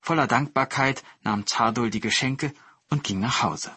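A man reading a fairy tale aloud in a calm, storybook narration style. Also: medium pitch, normal speed.

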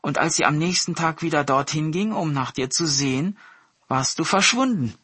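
A man's voice: fairly high pitch, animated, normal speed, sharp tone, husky, dry recording, pitched above the performer's own voice, heavily acted. A man voicing a clever, polite young boy in an eager, respectful tone. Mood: earnest.

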